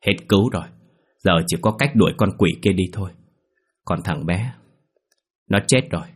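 A man's voice: deep voice, animated, moderate pace, breathy edge. A man doing a grave old exorcist. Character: grave older male exorcist, calm and ominous.

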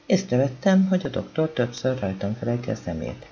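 Guy reading a novel out loud, gravelly dark voice, goes up and down a lot, kinda lo-fi with a bit of hiss. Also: medium pitch, big pitch swings. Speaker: audiobook reader. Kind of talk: scripted audiobook narration.

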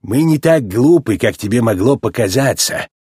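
A man's voice: medium pitch, animated, normal speed, a little mellow, breathy edge, no room sound, studio quality. A man voicing a sly young female sports car who speaks dryly and smugly.

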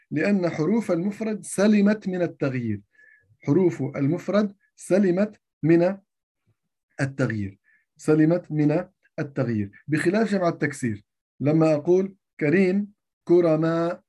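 A man's voice: on the high side, mellow. A man giving a grammar lesson, repeating each point and asking himself rhetorical questions before answering them. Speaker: teacher of Arabic grammar.

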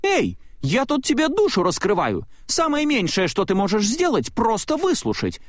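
A man doing a high, jittery little monster. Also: huge pitch swings, normal speed, no echo, studio quality. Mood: indignant. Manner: high, agitated, talkative. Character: excitable small one-eyed male monster, chatty.

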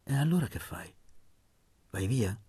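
A man playing a timid, soft-spoken young student. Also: medium pitch, animated, a little slow, slightly rough, no room sound. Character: shy young male student, timid and quiet.

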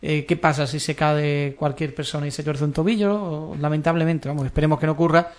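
Andalusian radio sports host, fairly high voice. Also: male voice, fairly even intonation, a little fast. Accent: Andalusian Spanish. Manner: prompting with short backchannels. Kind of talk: radio interview.

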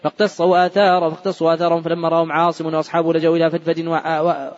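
In a large mosque, a hadith reader with a slightly high voice races through the text in a rapid-fire monotone, restarting words he stumbles on. The recording quality is lo-fi.

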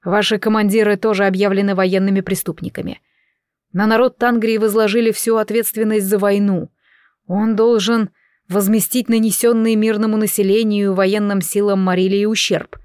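A woman reading a dramatic audiobook aloud, slow and measured, voicing every character with emotion. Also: mid-range voice, level tone, darkish tone, clean tone, no room sound, studio quality. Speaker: audiobook narrator.

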